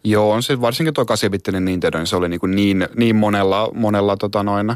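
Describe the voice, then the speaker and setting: Casting: middle-aged male collector, very deep voice, halting with lots of fillers, dry close sound. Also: clear, resonant tone, no room sound. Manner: hesitant, many fillers and restarts. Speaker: game collector guest. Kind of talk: casual conversation.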